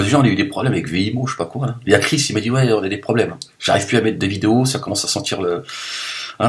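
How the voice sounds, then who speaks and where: Rambling, joking lower-voiced man. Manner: joking, rambling, addresses viewers as "frérot"; swings between loud outbursts and low mumbling. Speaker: video blogger. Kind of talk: casual rambling monologue to viewers.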